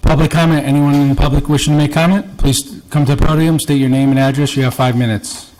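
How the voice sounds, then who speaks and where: A man serving as board chair, moving briskly and in a businesslike way through meeting procedure. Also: on the high side, flat delivery, darkish tone, rough recording. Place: town hall council chambers.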